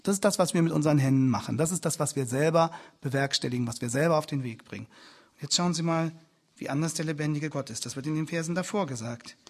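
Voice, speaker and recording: A male pastor delivers a sermon in a slightly husky, somewhat high voice. He hammers his points home with repeated phrases and rising emphasis, speaking from the pulpit of a church. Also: quick pace, a little mellow.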